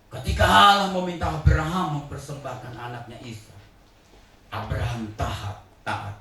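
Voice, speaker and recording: An older male pastor preaching a sermon, swinging between hushed low passages and loud, laughing shouts. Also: fairly even intonation, moderate pace. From Indonesia. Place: large church hall. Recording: echoey hall, distant mic, faint hiss.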